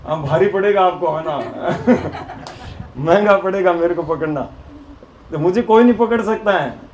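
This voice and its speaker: A man's voice: high voice, a little slow, a little mellow, reverberant, a little hiss or hum. A man voicing a playful, mischievous young boy god who teases and bargains. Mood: cheeky.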